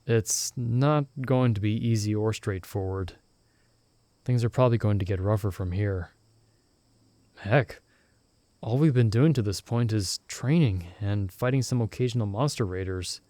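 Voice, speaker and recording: In this close-to-the-mic ASMR roleplay, a young man plays a loyal friend stuck in another world, offering soft, gentle reassurance with light teasing. His voice is fairly low, his pace a little slow, and his acting light, with no echo.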